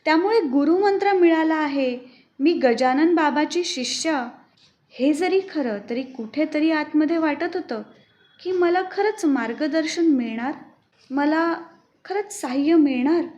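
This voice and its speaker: A woman narrating a first-person devotional story for a podcast, reading in a measured, reverent way. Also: sits high, lively intonation, a little mellow. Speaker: podcast reader.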